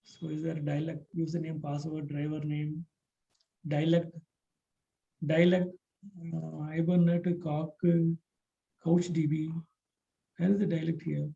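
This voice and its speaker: Male tech instructor, gravelly voice, halting delivery, lo-fi video-call sound. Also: on the high side, little pitch movement, dark tone. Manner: halting, spells out terms letter by letter. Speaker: programming instructor. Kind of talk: live online coding class.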